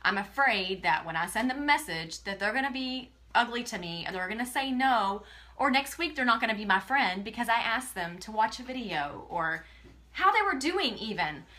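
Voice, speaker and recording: A woman's voice: a little high, animated, moderate pace, pushed and bright. A woman from Texas, talking earnestly to her viewers in a live video, emotional and often close to tears. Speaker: direct sales presenter. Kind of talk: tearful motivational live video.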